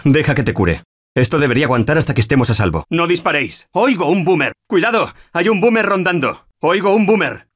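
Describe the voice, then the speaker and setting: Anxious everyman game survivor, Castilian Spanish accent, husky, slangy, widely swinging pitch. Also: fairly bright tone, full character voice. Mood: alert. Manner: emotive, slangy. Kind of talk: video game voice acting.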